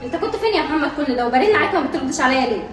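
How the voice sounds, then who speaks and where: A woman's voice: high-pitched, animated, racing. A young woman with an Egyptian accent playing a scheming, bossy stepmother in a family skit, giving curt orders. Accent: Egyptian Arabic. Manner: curt and commanding. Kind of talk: amateur family skit acting. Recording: echoey room, from a distance, music behind.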